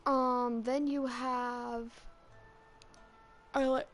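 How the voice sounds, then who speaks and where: A woman chatting casually as a fan vlogger, rambling and excitable with lots of restarts, her voice cracking slightly from being sick. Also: fairly high pitch, very slow, soft background music. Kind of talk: casual chat.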